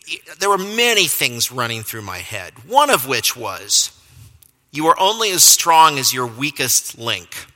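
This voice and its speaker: Bright-voiced male preacher in a reverberant hall. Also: medium pitch. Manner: self-deprecating storyteller, chuckles at himself. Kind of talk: sermon with personal story. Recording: long reverb of a large hall.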